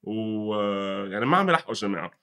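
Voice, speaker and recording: A young man with a Lebanese Levantine accent talks gaming in a casual, conversational way. His voice sits a little low and he speaks very quickly, dropping English gamer terms into his Arabic. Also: sing-song, a bit bright. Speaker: gaming commentator and guest.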